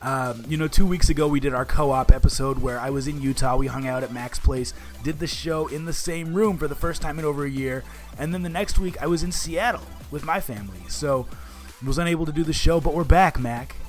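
A man's voice: fairly high pitch, fairly quick, faint music behind. A man co-hosting a podcast in casual, enthusiastic chat, talking like he is with a buddy. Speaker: podcast co-host.

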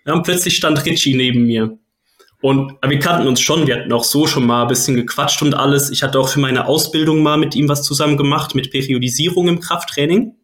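A man from Switzerland, a guest coach, answering interview questions in a relaxed way, laughing often and tagging "ne?" onto his sentences. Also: fairly high pitch, fast. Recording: echoey room.

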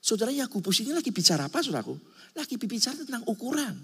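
A man's voice: very high-pitched, big pitch swings, racing, bright, forceful tone, breathy edge. A male pastor preaching a sermon in a church hall, speaking emphatically and often calling his listeners brothers and sisters. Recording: long hall reverb.

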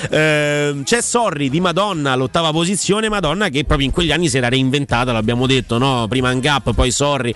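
A man's voice: fairly high pitch, a little fast, few pauses, a bit bright. A man from Italy hosting casual radio chart commentary and banter in a rambling, jokey, self-deprecating way. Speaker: radio host. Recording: music behind the voice. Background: music.

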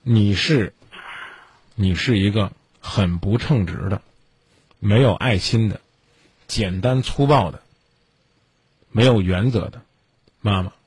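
A man's voice: lowish voice, slow, long pauses, darkish tone, husky, no echo. A man hosting a radio call-in advice show, scolding a caller in a stern lecture full of pointed questions.

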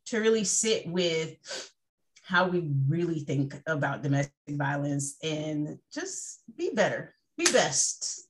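A woman's voice: deep voice, big pitch swings, takes it slowly, noisy background. A woman co-hosting a casual chat podcast, blunt and emphatic, who swears freely. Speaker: podcast co-host.

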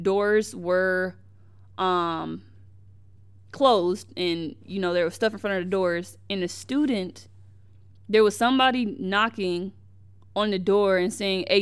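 A woman's voice: medium pitch, clear, resonant tone. A young woman hosting a podcast, giving heated, emphatic commentary on the news, with slang and frequent restarts. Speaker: podcast host.

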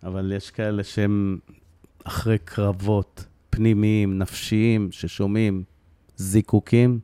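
A middle-aged man telling, with deep emotion, the story of losing his son, often repeating phrases for emphasis. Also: little pitch movement, dark tone, clear, resonant tone, no room sound. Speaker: guest, bereaved father.

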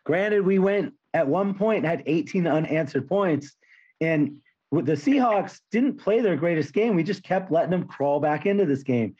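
Hoarse man with a lost voice, podcasting. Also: fairly high pitch, expressive, moderate pace, a little mellow, lo-fi sound. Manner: frustrated, blunt, swearing. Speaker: sports podcast host. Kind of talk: casual sports talk.

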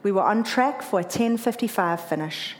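This South African woman speaks in a medium pitch at normal speed, sharing her own marathon story with earnest feeling. She sounds emotional throughout and brightens up when repeating what others said.

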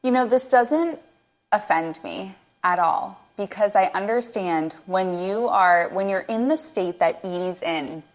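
A woman's voice: medium pitch, measured pace. A woman hosting as a nutrition coach, speaking earnestly and emotionally into her own microphone, close to tears. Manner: earnest and emotional, nearly teary. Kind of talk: reflective interview commentary.

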